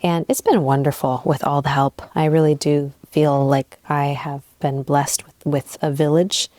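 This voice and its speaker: A woman in her thirties from Southern California hosting an unscripted solo podcast, soft-spoken and reflective, a little sleep deprived, speaking into old earbud headphones while sitting on her bed. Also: sits low, flat delivery, measured pace, dry recording. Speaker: podcast host and relationship coach. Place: bedroom, recording on her bed. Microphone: old wired earbud headphones mic.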